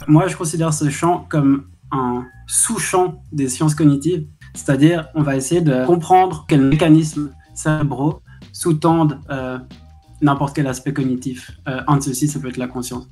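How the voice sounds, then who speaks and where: A man from Switzerland, a researcher being interviewed, who answers in a thoughtful, measured way with some hesitations. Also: a little high, darkish tone, faint music behind. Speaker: researcher guest.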